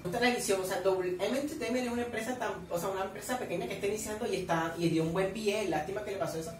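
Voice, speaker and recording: A young Colombian man chatters through a reaction video, gossipy and animated, teasing his viewers as he goes. He sits back from the mic in an echoey room, and a faint hiss runs underneath. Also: high voice, racing, far from the mic. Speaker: reaction vlogger. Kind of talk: casual reaction commentary. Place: at home with family nearby.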